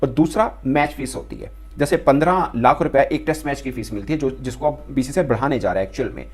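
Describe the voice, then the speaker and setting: Man, explanatory commentary, point by point, quick talker. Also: medium pitch.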